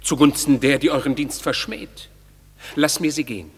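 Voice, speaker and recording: An actor playing Demetrius, a proud, threatening young rival in a classic radio play, speaking haughtily. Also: male voice, medium pitch, moderate pace, slightly rough, big-room sound. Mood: haughty.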